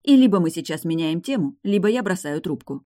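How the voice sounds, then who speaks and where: A woman reading an audiobook, voicing a stubborn, sharp-tongued young woman who talks in firm, clipped phrases. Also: lowish voice, lively intonation, brisk, no room sound, clean studio sound, natural voice. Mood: defiant.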